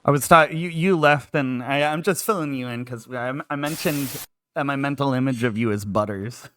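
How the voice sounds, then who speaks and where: A man's voice: mid-range voice, normal speed, fairly bright tone, soft background music. A man streaming live, chatting casually while feeling sick, rambling with lots of filler words. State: unwell and queasy.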